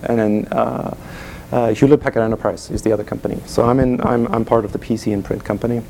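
Speaking quickly with fairly even intonation, a middle-aged man from Germany, a sales executive invited as guest speaker, chats casually to a live audience in an event room, frequently saying "you know." His medium-pitched voice is gravelly yet mellow, and the low-quality recording carries a little hiss or hum.

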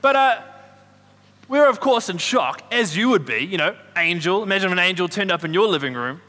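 A man playing a bright, whooping Kiwi shepherd. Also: high voice, a little fast. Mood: excited. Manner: rambling, animated storyteller with loud whoops. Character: excitable chatty male shepherd, middle-aged. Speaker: shepherd character in a church Christmas play. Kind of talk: comic stage acting. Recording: echoey hall reverb.

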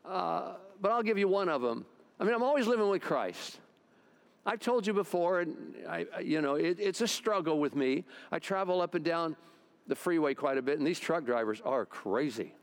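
Male pastor, fairly high voice, conversational sermon delivery. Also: lively intonation, moderate pace, creaky. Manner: conversational, acts out quoted voices. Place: church service.

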